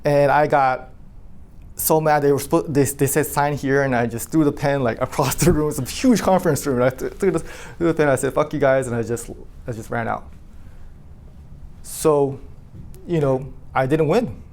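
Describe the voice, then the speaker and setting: A man speaks to his sales team in an easygoing, animated way, leaning on "like" and putting questions to the room. His voice sits at a middle pitch, neither high nor low. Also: normal speed. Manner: animated, asks the room questions, many "like" fillers. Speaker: insurance agency owner addressing his team. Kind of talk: storytelling team talk.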